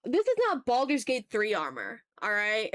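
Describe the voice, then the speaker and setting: With a fairly high, wildly swooping voice and a slightly slow delivery, a Southern United States woman chats casually as she draws on her livestream. She is a self-deprecating, playfully exasperated streamer, and her sound has no echo.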